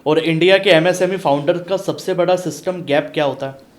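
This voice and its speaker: A man hosting a business podcast, asking quick-fire questions and answering with short affirmations. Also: a little high. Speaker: podcast host, business coach.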